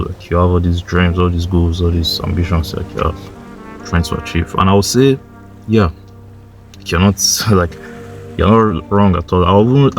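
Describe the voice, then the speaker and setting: A man in his twenties giving young viewers a casual, blunt motivational talk, swearing and saying "like" and "bro" a lot and repeating his points to drive them home. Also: deep voice. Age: 20s. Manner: insistent, repeats points for emphasis. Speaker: motivational YouTuber.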